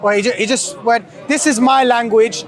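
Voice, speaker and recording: Man in a street-debate role with a very high voice, pressing and repetitive in his questions. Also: steady tone, moderate pace, a faint crowd. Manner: probing, asks the same question again and again. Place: outdoors on a city street.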